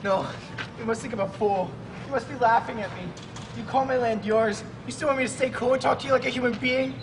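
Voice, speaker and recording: A woman's voice: fairly high pitch, a little fast, music in the background, natural voice. A woman playing a touchy young landowner suitor. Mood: indignant. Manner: indignant, insistent, rising to shouts. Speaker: student actor. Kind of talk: live outdoor play reading. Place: outdoor courtyard. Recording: distant voice over loud crowd noise.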